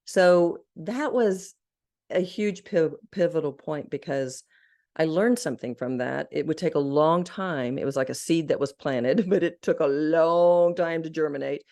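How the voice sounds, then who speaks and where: A woman's voice: deep voice, darkish tone. A middle-aged woman from Arkansas, a podcast guest telling her life story in an earnest, heartfelt and candid way. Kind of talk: personal storytelling in a podcast interview.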